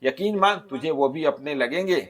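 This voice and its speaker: A man's voice: a little high, moderate pace, voice pushed up, lightly acted. A man voicing a caring young married woman who earnestly advises her friend like an elder sister, in a storybook narration. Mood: advising. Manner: earnest, persuading, gently scolding.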